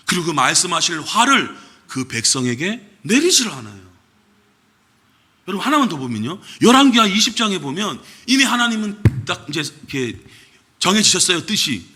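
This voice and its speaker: Male pastor, sermon, high animated delivery that acts out quoted voices, bright tone. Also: husky.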